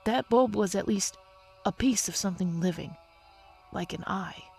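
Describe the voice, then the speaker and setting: A woman voicing an uneasy, earnest teenage son in a scary story, with halting, gravelly speech. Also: medium pitch, a little mellow, soft background music, natural voice.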